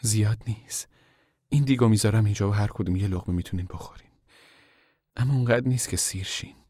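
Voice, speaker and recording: A man voicing a tired, worried mother of a poor family in soft, hushed tones. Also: lowish voice, no echo, studio quality, close to an everyday voice. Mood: apologetic.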